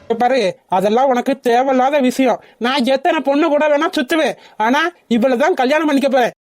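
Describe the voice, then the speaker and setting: A woman's voice: high-pitched, fairly quick, darkish tone, no room sound, soft background music, close to an everyday voice. A woman voicing an arrogant young male village rogue in a cartoon, bullying and threatening, recorded dry and close. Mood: taunting. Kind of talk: cartoon voice acting.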